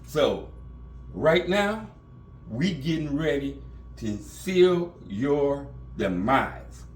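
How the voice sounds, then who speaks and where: A man's voice: fairly high pitch, big pitch swings, drawn-out words, roomy sound, far from the mic, slight background noise, exaggerated voice. A man voicing a vengeful grown son who lays out his threats in a cold, matter-of-fact way. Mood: threatening.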